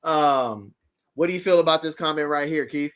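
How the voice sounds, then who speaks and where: A man's voice: on the high side, moderate pace, fairly bright tone, clear, resonant tone. A man hosting a live fan show in a casual, laid-back way, using slang and reading chat comments aloud. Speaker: show host.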